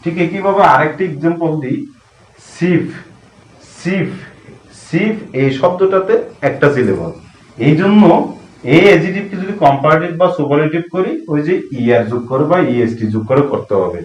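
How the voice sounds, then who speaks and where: Bangla guy teaching english grammar slow, repeats stuff, sounds far off in a roomy echo. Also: on the high side, animated. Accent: Bangladeshi Bengali. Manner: slow, repeats key terms, asks and answers his own questions. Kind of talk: classroom-style lesson. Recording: echoey room, mic at a distance.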